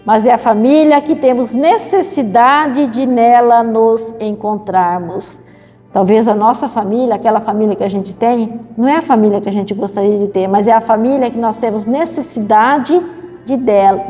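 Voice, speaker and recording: A middle-aged woman with a Brazilian accent giving a spiritual lecture, slow and measured, repeating phrases and adding tag questions. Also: fairly high pitch, a little mellow, long reverb tail. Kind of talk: spiritual talk. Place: spiritist center hall.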